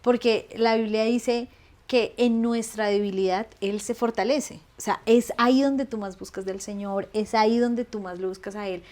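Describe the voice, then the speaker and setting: A woman, chatting as an interview guest in an animated way, laughing often. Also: a little high, moderate pace. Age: 30s. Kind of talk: casual conversational interview.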